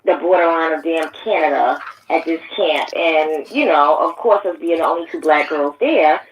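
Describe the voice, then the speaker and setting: A woman from Brooklyn, a guest in a casual chat, telling stories in an animated, joking way. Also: low-pitched, normal speed, a little hiss or hum, low-quality recording. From New York, Brooklyn.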